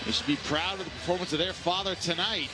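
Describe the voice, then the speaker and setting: High-voiced male boxing play-by-play host. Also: quick pace, over music, low-quality recording. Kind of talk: live sports commentary.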